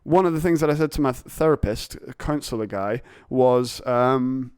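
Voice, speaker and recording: A man's voice: mid-range voice, moderate pace, darkish tone, smooth, no room sound, studio quality. A man hosting a podcast, chatting in a rambling, jokey, confessional way. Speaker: podcast host. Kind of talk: casual chat.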